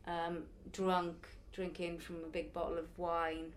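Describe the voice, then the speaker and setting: Answering interview questions, a circus performer and youth circus teacher in her early forties speaks in a low-leaning, monotone voice at an unhurried pace. She's chatty and reflective with occasional laughter, and there's slight background noise.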